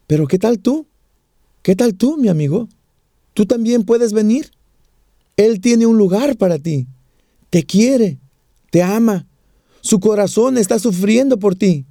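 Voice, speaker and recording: A man's voice: high voice, expressive, a little slow, long pauses, warm tone, dry recording, studio quality. A man giving a sermon as a personal testimony, earnest and repeating phrases for emphasis. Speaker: evangelist.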